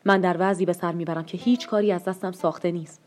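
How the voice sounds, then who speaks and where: A woman's voice: on the low side, steady tone, darkish tone, natural voice. A woman voicing a frightened, pleading middle-aged father in a read-aloud story, with an urgent delivery.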